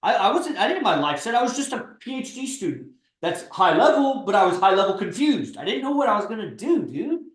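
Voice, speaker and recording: A man's voice: high voice, very animated, fairly quick, hardly any pauses, reverberant. A man in his thirties hosting a livestream, talking bluntly and persuasively and swearing freely. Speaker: stream host and coach. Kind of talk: casual livestream pep talk.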